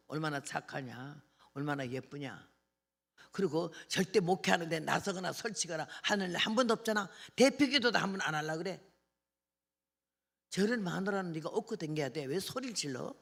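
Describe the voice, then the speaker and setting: A woman's voice: sits low, creaky. An older woman preaching at a revival meeting, telling folksy anecdotes and acting out dialogue. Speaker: missionary preacher.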